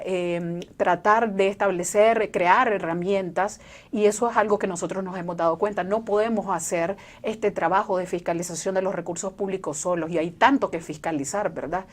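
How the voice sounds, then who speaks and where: A woman's voice: medium pitch, fairly even intonation. Earnest woman interview guest. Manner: earnest, measured, uses asides like "verdad". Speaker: civil society organization representative.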